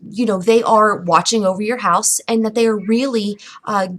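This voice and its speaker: A woman's voice: medium pitch, fairly even intonation, normal speed. A woman vlogging from home at her computer desk, giving casual how-to tips in a rambling, chatty way with lots of fillers and restarts. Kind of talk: casual how-to talk to camera. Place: indoors at home. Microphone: camera mic at a computer desk.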